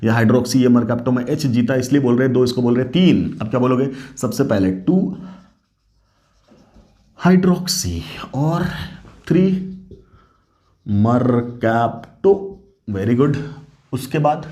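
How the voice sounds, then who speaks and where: Soft-spoken male chemistry teacher. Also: mid-range voice, expressive, slow pace, long pauses. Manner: quizzing students with call-and-response; speaking softly late at night. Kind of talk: online class lecture.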